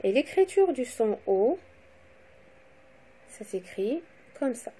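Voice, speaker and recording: A woman teacher giving a slow, deliberate phonics lesson to young children, spelling out letters and syllables. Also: fairly high pitch, very animated, mellow, breathy edge. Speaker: primary school teacher.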